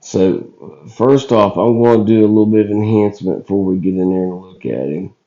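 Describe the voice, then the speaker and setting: A video channel host gives casual commentary on footage in a rough, scratchy, hoarse voice as he recovers from illness. His voice is on the low side with a warm tone, and he speaks in a folksy, halting, colloquial way. The recording is dull and lo-fi.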